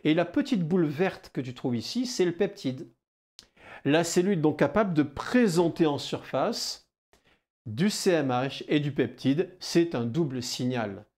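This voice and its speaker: A man with a southwestern French accent teaching biology in a lively video lesson, talking straight to the viewer and answering his own questions. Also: fairly high pitch, measured pace. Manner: animated, addresses the viewer as "kid", rhetorical questions.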